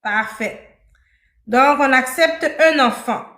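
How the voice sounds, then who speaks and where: A woman's voice: high voice, slow pace, pushed and bright, reverberant. A woman hosting a live-stream dating show, interviewing a guest with persistent, probing questions.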